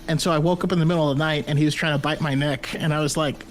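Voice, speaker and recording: A man's voice: fairly high pitch, fairly even intonation, very fast. A man co-hosting a casual live show, telling stories in a rambling way with many stumbles and restarts. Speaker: podcast co-host. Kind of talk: casual live-stream chat.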